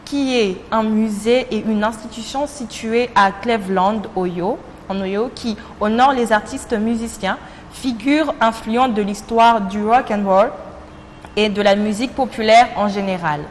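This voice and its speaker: A woman's voice: fairly high pitch, a little slow, a little hiss or hum. A young woman from Congo hosting a casual TV chat show, talking in a playful, chatty way and laughing at herself. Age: young adult. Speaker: TV show host. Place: TV studio. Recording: long reverb, faint ambience.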